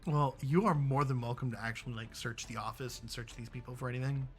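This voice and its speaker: A man's voice: mid-range voice, steady tone, fast, fairly bright tone. A young man narrating as dungeon master, laid-back, chuckling often and full of fillers. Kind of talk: narrating a tabletop game.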